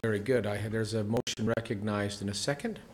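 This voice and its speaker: A man chairing a county commission meeting, speaking in a procedural, halting manner. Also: lowish voice, fairly even intonation, slight background noise.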